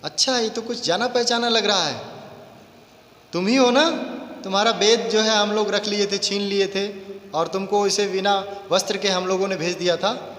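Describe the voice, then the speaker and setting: A man's voice: high-pitched, fairly even intonation, normal speed, a bit bright. A man voicing a scheming, boastful king who mocks two young brothers, in a taunting manner, recorded in an echoey hall. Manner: taunting, mocking.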